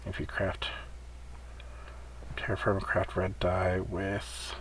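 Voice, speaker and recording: A low, slightly bright male voice speaks slowly and in a monotone, muttering through casual gameplay commentary step by step as he thinks out loud. He's a gamer hosting a server event, captured on a noisy home recording.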